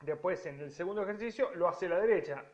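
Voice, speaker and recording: A Rioplatense man with a fairly high voice explains piano rhythms to beginners, counting the beats out loud. The sound is a little dull, and faint piano sits behind him. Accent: Rioplatense Spanish. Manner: explanatory, counts rhythms aloud while playing, drawn-out stressed words. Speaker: piano teacher. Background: piano playing.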